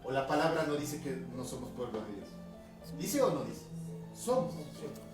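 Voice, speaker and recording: A man's voice: mid-range voice, sing-song, moderate pace. Ecuadorian pastor guy preaching, keeps asking the crowd questions, music playing underneath. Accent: Ecuadorian highland Spanish. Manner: conversational preaching, reading scripture aloud, frequent tag questions. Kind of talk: sermon. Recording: echoey room from a distance, music behind.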